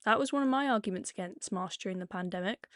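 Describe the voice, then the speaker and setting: A woman's voice: medium pitch, quick pace, dry recording, studio quality. A woman commenting over video clips in a sarcastic tone, often hesitating with "uh" and "um". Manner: sarcastic, hesitant with many fillers. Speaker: online political commentator.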